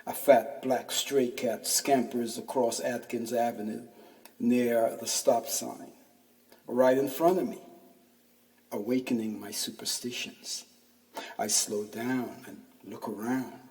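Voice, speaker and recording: A podcast host in his 50s reads his first-person essay aloud at a slow, steady pace, his mid-range voice darkish in tone. The piece is wry and full of street slang, and he sounds distant in an echoey room.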